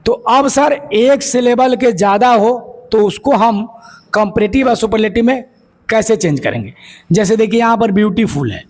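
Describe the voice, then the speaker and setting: High-voiced man teaching grammar. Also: lively intonation, moderate pace. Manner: explains step by step, repeats key words, asks and answers own questions. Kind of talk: classroom lecture.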